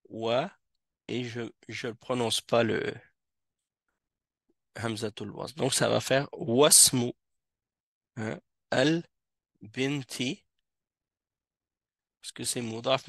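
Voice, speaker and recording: A man teaching Arabic grammar to a class, explaining slowly with frequent hesitations. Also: mid-range voice, creaky, a bit bright, no echo, clean studio sound. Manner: slow, hesitant explaining with many fillers. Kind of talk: classroom lesson. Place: mosque classroom.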